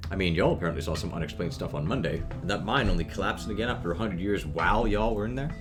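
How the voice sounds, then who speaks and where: A man's voice: low-pitched, expressive, quick pace, over music. A man voicing a friendly, level-headed adult with an easygoing, reassuring manner, in a read-aloud story game.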